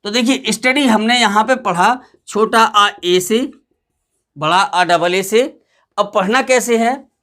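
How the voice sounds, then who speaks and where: A high-pitched man gives an English pronunciation lesson. He explains step by step, asks questions and answers them himself, and spells letters out slowly for his students. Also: pushed and bright. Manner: addresses students as "beta". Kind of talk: classroom lesson.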